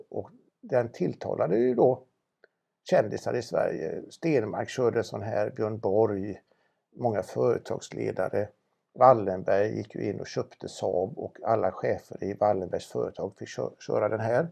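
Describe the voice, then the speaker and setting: A man's voice: on the low side, vocal fry, warm tone, slightly rough. A man presenting a car for auction in a casual, knowledgeable chat, with frequent restarts. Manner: knowledgeable, chatty, many restarts.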